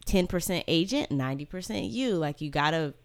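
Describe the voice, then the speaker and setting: A woman interviewing a guest in a relaxed chat, agreeable and quick to affirm. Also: sits low. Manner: agreeable, lots of affirming backchannels.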